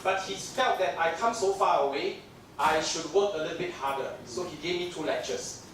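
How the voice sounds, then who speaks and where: In an echoey hall, a Singaporean man lectures at a dental conference at a normal pace, his voice a little high and a bit bright. Jet-lagged, he's chatty and joking with many fillers, recorded from a far-off mic with audience noise.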